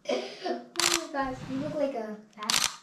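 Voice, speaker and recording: A woman's voice: high-pitched, lively intonation, takes it slowly, recorded from a distance. A woman photographing a friend in a bathtub, teasing her and exclaiming in casual chat. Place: bathroom. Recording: echoey room from afar, loud water noise.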